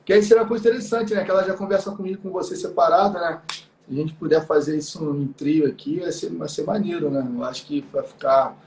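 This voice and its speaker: A man's voice: on the high side, fast, a little mellow, a little hiss or hum. A man chatting casually on a live stream as co-host, rambling with lots of fillers and tag questions. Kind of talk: casual chat. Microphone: live stream call mic. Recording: echoey room.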